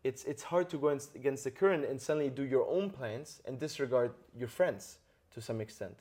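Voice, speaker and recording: A man's medium-pitched, darkish voice moves a little fast as he hosts a podcast interview. He's earnest in explaining ideas and checks in repeatedly with tag questions.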